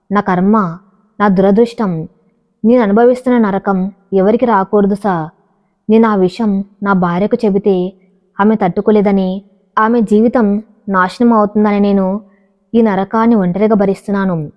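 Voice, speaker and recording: A woman's voice: medium pitch, steady tone, moderate pace, pauses often, lightly acted. Woman reading as a young dying husband, anguished, tearful, pleading, storybook voice, reverberant, muffled. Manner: pleading, broken speech. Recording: dull, reverberant recording.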